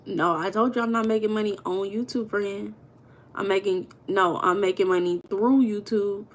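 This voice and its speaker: Hosting a casual livestream, a Los Angeles woman with an American accent reads viewer comments aloud and teases them with slangy banter. She speaks at a normal pace with a medium pitch and a steady tone.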